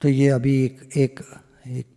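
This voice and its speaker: A man giving a spiritual discourse over a video call, slow and emphatic, often slipping into English phrases. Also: mid-range voice, completely flat delivery, warm tone, big-room sound. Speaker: satsang speaker.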